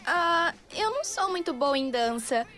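High-voiced earnest cartoon girl. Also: sing-song, a little slow, sharp tone, soft background music, heavily acted. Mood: earnest friendly. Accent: Brazilian Portuguese. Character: sweet, modest girl who stands up for herself. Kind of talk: animated cartoon dubbing.

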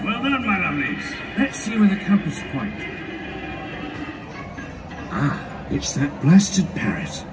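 An actor playing a salty old pirate with the gruff manner of an old fisherman, cheerful and scheming. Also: high voice, big pitch swings, slow, long pauses, heavily acted. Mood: jaunty, grumbling. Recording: distant outdoor playback over music.

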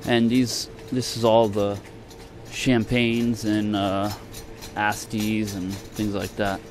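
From behind a handheld camera in a large supermarket, a man vlogs a relaxed shopping trip in halting, trailing fragments. He speaks slowly in a fairly low, level voice, and the store ambience is clearly audible.

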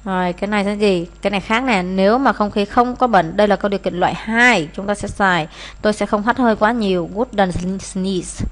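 A woman's voice: medium pitch, fairly quick. Woman walking through exam answers. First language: Vietnamese. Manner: explains in Vietnamese, reads English phrases aloud; hesitant, frequent fillers. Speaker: English teacher.

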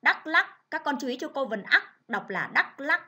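A woman primary school teacher giving a reading lesson to children, reading clearly and measuredly. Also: sits high, big pitch swings, moderate pace, pushed and bright.

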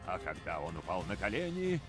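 Deep dramatic guy narrating a dark fantasy game, lively intonation, music playing. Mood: grave. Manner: measured, dramatic. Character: grave male storyteller narrating a dark fantasy tale. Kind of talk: scripted narration in a video game.

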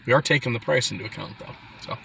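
A young man reviewing food in a casual, halting way, talking while chewing. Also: medium pitch, creaky, background noise. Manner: relaxed, halting, thinking aloud.

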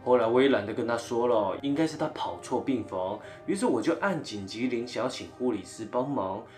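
A man narrating a ghost story as channel host, telling it in a dramatic, animated way. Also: medium pitch, brisk. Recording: roomy, faint background music.

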